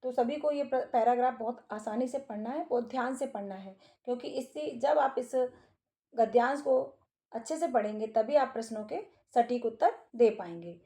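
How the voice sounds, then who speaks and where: Higher-pitched woman teaching Sanskrit. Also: moderate pace, mellow. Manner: reads each Sanskrit line, then explains it in Hindi. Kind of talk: exam paper walkthrough lesson.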